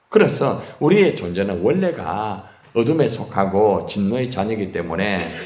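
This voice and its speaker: A man preaches to his congregation, with a low voice that swings up and down. He keeps asking them short questions and waits for their answers. The sound rings around a roomy church sanctuary. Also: a little mellow. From Korea. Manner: call-and-response questions to the congregation. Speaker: pastor. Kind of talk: sermon. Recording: echoey church hall.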